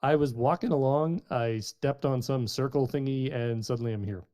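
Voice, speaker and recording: A man's voice: mid-range voice, moderate pace, mellow. A man playing a tabletop role-playing game, chatting casually and improvising in character.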